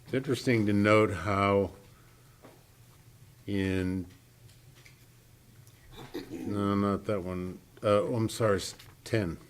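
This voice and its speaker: A man's voice: lowish voice, fairly even intonation, takes it slowly, pauses often. A man serving as a school board trustee, asking questions in a rambling, hesitant way that corrects itself. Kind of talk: questions at a public meeting. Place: boardroom meeting.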